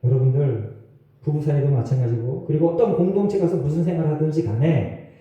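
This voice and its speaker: The pastor's voice sits on the high side and moves a little fast as he preaches in a church sanctuary. The audio is dull, with roomy echo from a mic placed far away, and his sermon is conversational, sprinkled with asides and small laughs.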